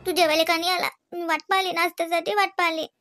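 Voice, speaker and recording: Lady doing a sulky young cartoon wife, high voice, keeps saying sorry. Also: flat delivery, quick pace, fairly bright tone, faint music behind. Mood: pleading. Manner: pleading, sulky, repeats sorry. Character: apologetic young wife Rashmi, sulky and pleading. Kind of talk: cartoon voice acting.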